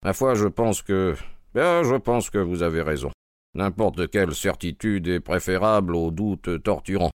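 A man voicing a calm detective who reasons in a measured way. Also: deep voice, dry recording, clean studio sound.

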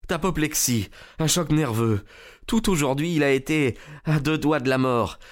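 A man voicing a distressed young gentleman in an audiobook, speaking higher and urgently. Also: normal speed, natural voice.

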